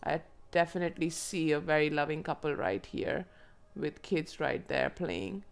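A woman with a hoarse, froggy voice from a cold, reading tarot to viewers in an unhurried, musing way and asking herself questions aloud. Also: low-pitched. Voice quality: froggy, croaky throat. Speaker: tarot reader and channel host. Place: indoors at a table.

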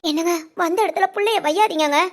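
A worried cartoon mother who keeps pleading with her harsh husband, voiced by a woman. Her voice sits very high and runs quickly, with a placating, anxious tone. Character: pleading, anxious wife and mother, middle-aged. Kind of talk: cartoon family drama voice acting.

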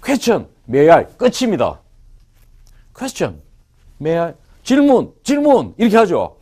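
A man teaching English to a class of students, joking and firing quick questions at them. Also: fairly high pitch, husky. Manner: animated and joking, quizzes the class. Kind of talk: lively classroom lecture.

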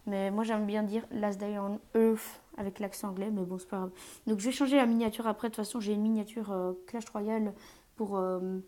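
Hesitant streamer woman, mellow voice. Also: medium pitch, fairly even intonation, brisk. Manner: hesitant, many fillers, drops to whispers at times. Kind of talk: live gameplay commentary. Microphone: earphone mic.

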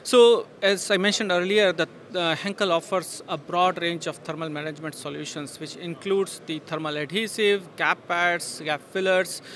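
Middle-aged man, trade show interviewee on a handheld mic; hesitant, filler-heavy delivery, bright tone, faint hall hum. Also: fairly high pitch. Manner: hesitant, many fillers and restarts. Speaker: industry guest at a trade show. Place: busy exhibition hall booth.

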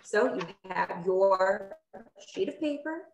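A woman teacher telling a comic story and giving instructions in a playful, animated way. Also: mid-range voice, slow pace, vocal fry. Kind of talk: classroom video lesson. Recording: echoey room.

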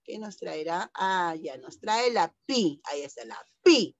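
A middle-aged woman working as a primary school teacher leads an online reading lesson for young kids, patiently sounding out each syllable. Her voice sits on the low side, a little slow, with lively intonation and no echo.

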